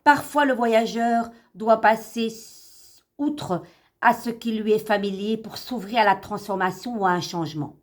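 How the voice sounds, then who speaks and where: A woman's voice: a little high, unhurried. A woman with a slight lisp doing a casual tarot reading for her followers, chatty and encouraging, repeating phrases for emphasis. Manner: lisps, tripping over words when pleased. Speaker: online tarot card reader and host. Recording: music playing behind the voice. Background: instrumental music.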